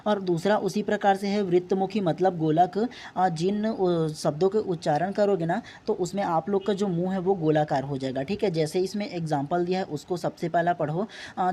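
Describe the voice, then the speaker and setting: A man teaching an exam-prep lesson. He explains patiently, repeats points, and sounds out each vowel slowly. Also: sits high, warm tone. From Chhattisgarh, India.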